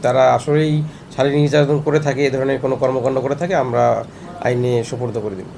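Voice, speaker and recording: A man, a company administration manager, answering reporters in a measured official way, pausing often with hesitation sounds. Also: medium pitch, fairly even intonation, creaky, darkish tone. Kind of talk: on-the-spot press statement. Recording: noisy street recording.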